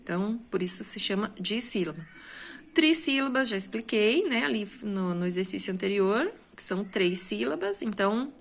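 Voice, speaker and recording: A woman's voice: mid-range voice, expressive, moderate pace, vocal fry. A woman with a Brazilian Portuguese accent, a school teacher going through exercise corrections in a recorded lesson, explaining step by step and often checking in with the class.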